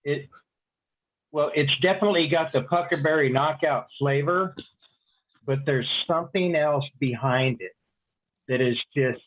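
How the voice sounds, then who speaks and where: Halting man on dull lo-fi audio. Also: a little high, slight background noise. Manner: halting, hesitant delivery. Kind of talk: casual chat.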